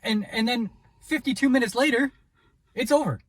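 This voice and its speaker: A man's voice: extremely high pitch, moderate pace, a bit bright, no room sound. A man co-hosting a casual movie review chat, telling the story in a loose, rambling way. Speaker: podcast co-host.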